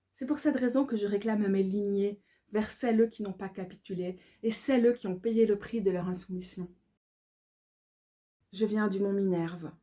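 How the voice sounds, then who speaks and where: Mellow-voiced woman reading poetry. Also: medium pitch. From Belgium. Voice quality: calm, measured, incantatory delivery. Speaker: author reading her own book.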